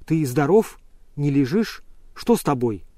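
Man doing a young woman, impatient, quick, higher pitch, dry storybook read. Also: very animated, warm tone, no echo.

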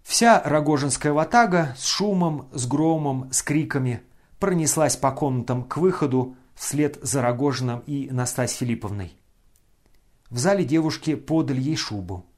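A man narrates a classic novel aloud in a steady, expressive storytelling voice. His pitch sits in the middle range, and he paces the scenes with care. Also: moderate pace. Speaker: audiobook narrator.

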